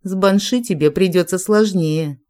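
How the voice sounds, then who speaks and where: A reader voicing a wary grown woman who is a witch, in a plain, measured audiobook reading. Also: lowish voice, darkish tone, natural voice.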